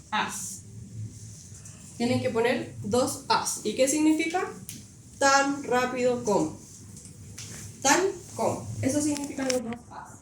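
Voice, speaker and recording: High-voiced teacher in echoey classroom. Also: female voice. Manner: patient, checks understanding with frequent questions. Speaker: English teacher. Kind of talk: classroom grammar explanation. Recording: echoey classroom from far off, noisy.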